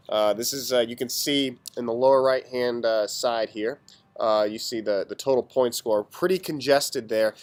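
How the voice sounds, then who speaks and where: A man with a medium-pitched, hoarse voice, sounding under the weather, hosts a homemade sports standings announcement. He talks casually, with a playful touch of official commissioner formality. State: hoarse, sick. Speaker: fantasy football league commissioner and host.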